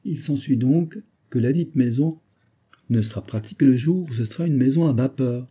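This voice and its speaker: A man reading an audiobook, voicing a confident engineer who lays out his reasoning in measured, persuasive sentences. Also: mid-range voice, mellow, breathy edge, pitched above the performer's own voice, natural voice. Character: confident engineer, methodical, explaining, middle-aged man.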